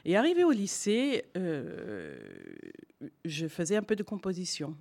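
A middle-aged Canadian woman, a native English speaker who is a guest singer and voice teacher, speaks spontaneously to an audience about her path as a singer. Her voice is fairly low and mellow, with huge pitch swings and a measured pace. She sounds hesitant, with many fillers and restarts.

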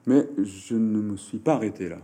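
Guesting in an interview, a Japanese writer and French teacher speaks French in a husky, lowish, dark-toned voice. Japanese is his first language, and his answers are hesitant, with many pauses, fillers and restarts.

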